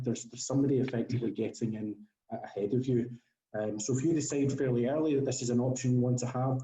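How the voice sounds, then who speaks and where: A man with a broad Scottish accent, answering questions as a guest consultant in a measured, explanatory way. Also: medium pitch, dark tone, reverberant, poor audio. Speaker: guest golf scholarship consultant.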